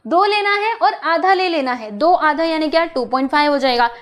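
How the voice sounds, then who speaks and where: Speaking high, animated and fairly quick, a young woman works through a math lesson. She chats and coaxes, often questioning her students, and drops English terms into her explanations.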